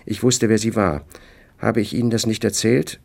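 A man reading the lines of a composed, reserved grown woman in an audiobook, barely shifting his own deep voice. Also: normal speed, a little mellow. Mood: flustered.

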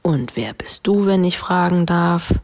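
A woman's voice: lowish voice, lively intonation, measured pace, gravelly, exaggerated voice. A woman doing a grumpy contrary dog. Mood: sulky. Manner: dismissive, sulky.

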